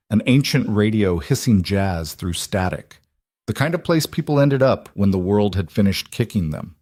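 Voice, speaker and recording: A man narrating a scripted audiobook romance story in a measured, dramatic storytelling manner. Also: on the low side, darkish tone, dry recording, clean studio sound.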